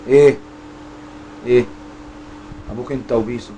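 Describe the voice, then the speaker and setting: Joking young Egyptian gamer. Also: male voice, mid-range voice, fairly even intonation, moderate pace, mellow, slight background noise. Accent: Egyptian Arabic. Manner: jokey, swears, mock-scared reactions. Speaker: gaming YouTuber. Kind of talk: horror game let's play commentary.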